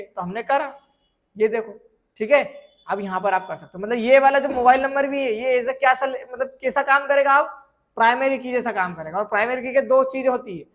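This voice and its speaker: A man teaching a software course, explaining with everyday examples and often asking whether students have understood. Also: very high voice. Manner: keeps checking if students follow; asks rhetorical questions and answers them. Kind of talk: screen tutorial lesson.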